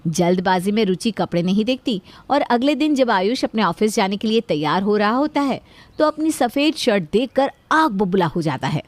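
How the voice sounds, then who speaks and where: A woman narrating a cartoon story in a steady, scripted storytelling manner. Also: mid-range voice, normal speed, dry recording.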